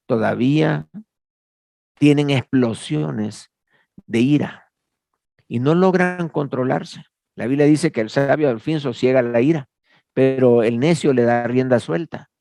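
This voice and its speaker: A man's voice: medium pitch, darkish tone, dry recording. A man teaching a Bible counseling class, earnest, repeating key phrases and quoting scripture. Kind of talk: class lecture.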